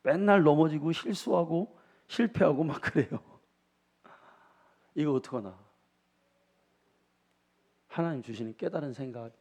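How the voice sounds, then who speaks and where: Middle-aged man, pastor, folksy sermon with questions to the flock, slightly high voice. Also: unhurried, long pauses, darkish tone. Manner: folksy storytelling, asks the congregation questions.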